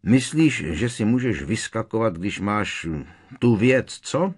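A man's voice: fairly low pitch, sing-song, breathy edge, voice pushed up. A man voicing a sullen, sneering teenage bully who snaps and growls his retorts. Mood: sulky. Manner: sulky, snapping, growling retorts.

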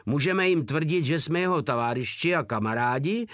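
Brief: man voicing a coarse, jeering giant soldier, pitched well above his own voice, loud. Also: animated, no echo, studio quality. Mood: mocking. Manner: coarse, mocking, swearing. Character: huge crude male soldier, cheerfully brutal.

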